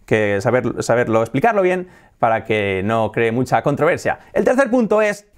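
A man from Spain with a Spanish accent, teaching English in a video lesson to camera, jokey and animated, imitating good and bad English pronunciation. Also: medium pitch, normal speed. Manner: animated, jokey, often laughs at own examples; imitates mispronounced and native English for contrast.

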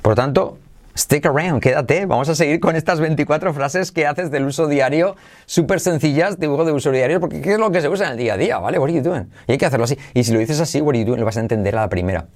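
Man, english teacher, lively repetitive drills, podcast lesson. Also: fairly high pitch, quick pace. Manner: energetic, drills English phrases repeatedly. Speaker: English teacher, channel host.

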